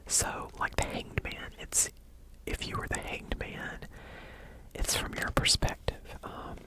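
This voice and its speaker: An ASMR host murmurs in a soft whisper, halting between phrases and never hurrying, as if talking casually to her viewers.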